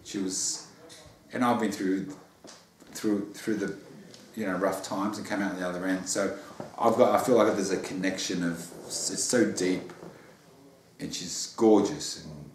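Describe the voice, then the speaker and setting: A man's voice: low voice, steady tone, a little slow, long pauses, slight background noise. An Australian man being interviewed about his memoir, talking in a bubbly, earnest way with repeated words. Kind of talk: casual interview chat. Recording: roomy echo.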